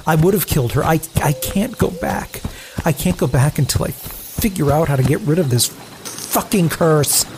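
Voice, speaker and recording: A woman's voice: low voice, normal speed, noisy background. A woman voicing a guilt-ridden, cursed young man. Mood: shaken. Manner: shaken, stammering.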